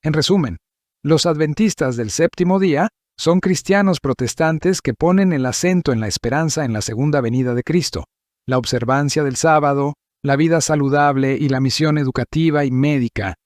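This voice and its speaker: Measured higher-voiced male narrator. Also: a little mellow, no echo, clean studio sound. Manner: measured, list-like reading. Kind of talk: scripted narration.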